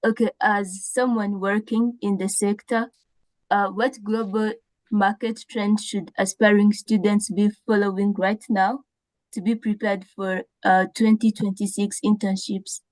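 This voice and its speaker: A woman's voice: mid-range voice, flat delivery, unhurried, darkish tone, dry recording, poor audio. A woman attendee asking a formal, tentative question on a webinar video call.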